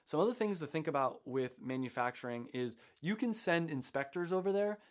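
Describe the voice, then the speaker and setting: A man's voice: lively intonation, a little fast. Chatty man hosting a livestream. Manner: chatty, rambling, pitches his course. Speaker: host. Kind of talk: casual livestream teaching.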